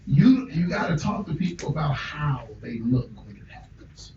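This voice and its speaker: A man, an author and minister, telling his story in a candid interview with an earnest, reflective manner that often drops to a quiet tone. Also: a little high, moderate pace. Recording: roomy, distant, dull lo-fi with faint noise.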